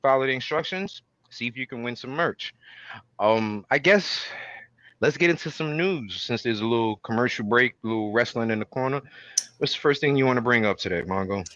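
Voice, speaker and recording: A man's voice: medium pitch, animated, fairly quick, a bit bright, no room sound, dull audio. A man hosting a casual wrestling fan podcast in a showy, theatrical manner with ring-announcer flair. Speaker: podcast host.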